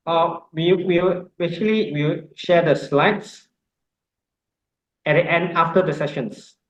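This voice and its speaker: A man leading an online course orientation, talking haltingly with many ums and uhs. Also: a little high, reverberant, rough recording. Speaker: course instructor.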